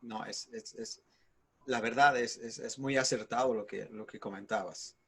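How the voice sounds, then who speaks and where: Gravelly man, husky voice. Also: medium pitch, steady tone, fairly bright tone. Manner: agreeing, halting with repeated words. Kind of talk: casual chat.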